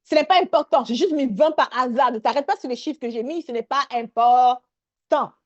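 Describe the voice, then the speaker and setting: A woman leading a live online workshop, energetic and sprinkling English words into her talk. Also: high voice, quick pace, dull audio.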